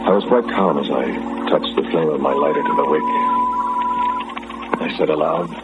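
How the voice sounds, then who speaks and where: A very deep-voiced, haunted old radio drama narrator. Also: male voice, moderate pace, over loud music. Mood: grave, haunted. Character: fearful, brooding man facing his approaching death. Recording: tinny, heavily noisy old radio recording.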